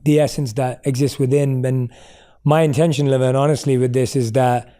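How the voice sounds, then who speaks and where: A man's voice: mid-range voice, fairly even intonation, normal speed, mellow. A man hosting a podcast interview, speaking earnestly and affirming his guest. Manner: earnest, affirming, rounds off with thanks. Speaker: podcast host. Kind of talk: casual interview conversation.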